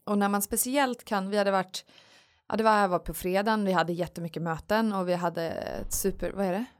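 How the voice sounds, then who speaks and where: Rambling, lively woman podcast host. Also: medium pitch. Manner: lively and rambling, many fillers. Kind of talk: casual chat. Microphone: studio podcast mic.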